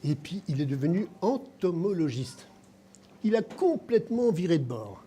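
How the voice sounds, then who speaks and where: A man's voice: on the high side, very animated, moderate pace, warm tone, slight background noise. A man giving a comic birthday speech at a family party, telling pun jokes and chuckling at them. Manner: wordplay jokes, chuckling at his own puns. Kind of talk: comic party speech with a pretend phone call.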